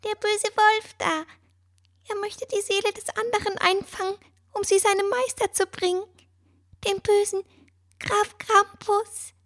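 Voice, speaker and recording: Woman doing a squeaky tiny winged creature. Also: fairly even intonation, measured pace, fairly bright tone, heavily acted. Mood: fretful. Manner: anxious, urgent.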